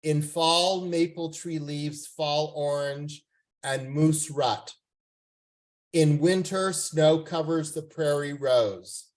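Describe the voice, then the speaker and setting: Over a video call, a Canadian man whose first language is French shares his poems at an open mic in a slow, careful, polite way, his pitch fairly high.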